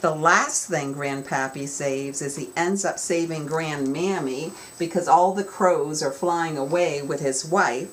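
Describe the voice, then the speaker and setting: Here a children's author addresses young students in an instructional talk, her low voice moving a little slowly with few pauses. She stresses her points in a storytelling manner, while background noise comes through clearly.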